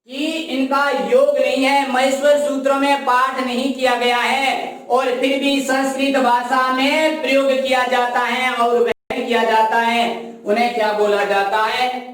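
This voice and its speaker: A Sanskrit grammar teacher who explains while writing on a board, asks questions and answers them, and drills by repetition. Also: medium pitch. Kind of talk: classroom lesson in Hindi. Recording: very echoey room, voice far from mic.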